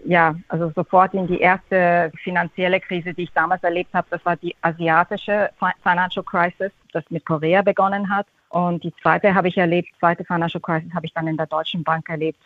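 A middle-aged woman with an English-tinged accent, a fund manager answering interview questions haltingly, repeating words and slipping into English terms. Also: on the low side, level tone, no room sound. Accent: English-tinged German. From half Austrian, half Japanese. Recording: tinny phone-like line.

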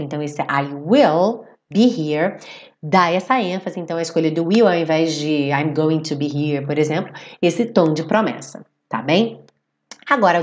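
A woman with a Portuguese first language teaches an English lesson live, and her voice moves through a wide, animated pitch range. She explains each point patiently and keeps asking her viewers whether they follow. When she reads English song lines, she slows right down. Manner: explanatory, checks in with "certo?" and "tá bem?"; reads English lyrics slowly and deliberately. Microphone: computer setup with phone beside.

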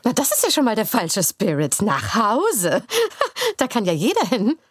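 A vain, scheming noblewoman who is smug and keeps correcting everyone, played by a woman. Her voice is husky and swoops widely in pitch. The sound is dry and close, in a comedic sketch. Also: wildly swooping pitch, measured pace, no echo, full character voice. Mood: haughty. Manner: haughty, smug, correcting others.

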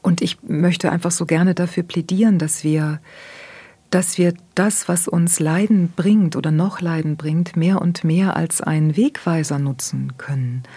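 Soft-spoken breathy woman therapist. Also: on the low side, steady tone, measured pace, dry recording. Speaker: therapist guest. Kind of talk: reflective conversation.

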